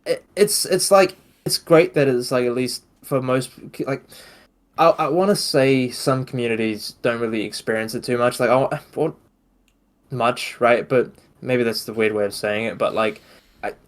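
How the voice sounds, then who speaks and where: A man's voice: mid-range voice, normal speed. A man with a New Zealand accent hosting a casual podcast chat, rambling with many fillers and restarts. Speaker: podcast host.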